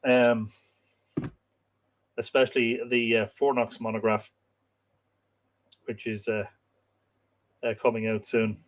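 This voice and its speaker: A man's voice: medium pitch, little pitch movement, slow, long pauses. A man with an Irish accent and a lilting storyteller's delivery, hosting a casual live stream and chatting through viewer comments. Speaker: host and storyteller of a live myths show.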